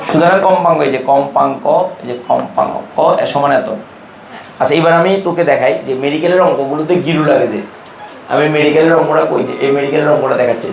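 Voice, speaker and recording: A man's voice: fairly high pitch, echoey room, slight background noise. A man from Bangladesh teaching a chemistry class, constantly quizzing his students in an informal, brotherly way. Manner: keeps quizzing students with quick questions. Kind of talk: classroom lecture.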